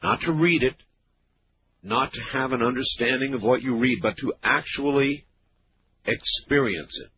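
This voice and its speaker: Male talk radio host, smooth broadcast delivery, unhurried and conversational, heard over a muffled lo-fi radio feed. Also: mid-range voice. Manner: relaxed, conversational, with frequent "uh" and "um" pauses. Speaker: late-night radio talk show host. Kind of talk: radio call-in talk show hosting. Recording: dull lo-fi radio broadcast with faint hiss.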